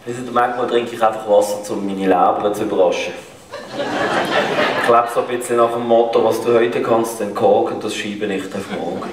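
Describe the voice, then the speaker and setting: A man playing a boastful, hapless Portuguese immigrant, delivering deadpan self-mocking one-liners on a carnival stage. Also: on the low side, moderate pace, close to an everyday voice. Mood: deadpan boasting. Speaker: comedian on stage. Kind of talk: carnival stand-up routine. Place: large carnival show hall. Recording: echoey hall, distant mic, crowd. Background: audience laughter.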